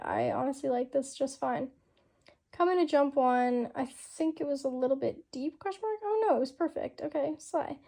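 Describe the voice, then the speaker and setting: In a home-recorded voiceover, a young woman with a high, creaky, mellow voice casually narrates her horse show rounds. She's chatty and full of fillers, saying "like" constantly.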